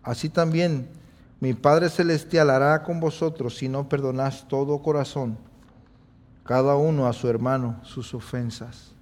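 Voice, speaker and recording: A man's voice: mid-range voice, fairly even intonation, measured pace, a little mellow, big-room sound. A man preaching a sermon, asking his listeners questions and then answering them himself. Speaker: pastor.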